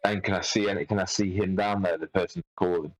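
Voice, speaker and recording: A man's voice: sits low, steady tone, quick pace, no room sound, poor audio. A man playing a tabletop game on a headset, asking questions hesitantly and stumbling over his words. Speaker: player.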